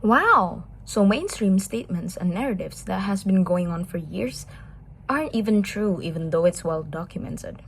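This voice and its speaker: A woman's voice: mid-range voice, lively intonation, a little hiss or hum. A woman interviewer giving a formal, prepared introduction and then asking questions. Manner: measured, formal, reads prepared lines. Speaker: interviewer, host.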